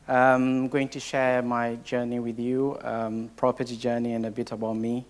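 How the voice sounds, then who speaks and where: A young man shares his own story from the front of a room as a case study speaker. He speaks English as an at an ordinary middle pitch, stopping often on fillers and restarting his sentences. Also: monotone, moderate pace. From Portugal. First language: Portuguese. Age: young adult. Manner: hesitant, heavy with filler sounds and restarts. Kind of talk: personal story told to a live audience.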